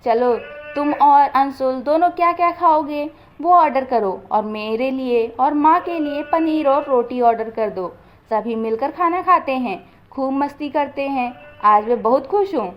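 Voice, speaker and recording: A woman voicing a humble, hardworking young secretary who speaks softly and earnestly, in a dull lo-fi recording. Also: high voice, a little slow, slight background noise. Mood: happy.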